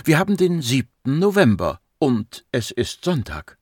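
A man's voice: medium pitch, huge pitch swings, a little slow, a little mellow, husky, no echo, studio quality, pitched above the performer's own voice, full character voice. A man reading a patient, composed female psychiatrist in her fifties, raising his voice to play her. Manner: patient, firm, soothing.

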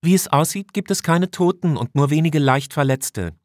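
A man puts on a brisk female communications officer on a starship, giving status reports. Her voice sits well above the reader's own low register and comes out a little louder, in a dry, close recording. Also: expressive, no room sound, lightly acted. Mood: reporting.

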